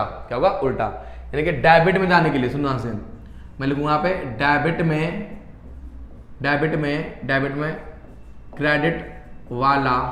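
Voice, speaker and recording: A man's voice: on the high side, a bit bright, reverberant, a little hiss or hum. A young male commerce teacher giving an online class lecture, asking questions and answering them himself, calling students "beta". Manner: call-and-response questioning, answers own questions; affectionate Hindi teacher talk, calls students beta.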